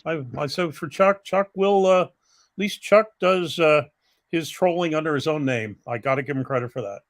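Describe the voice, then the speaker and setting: An older man co-hosting a casual live stream, talking in a halting, rambling, self-deprecating way. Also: a little high.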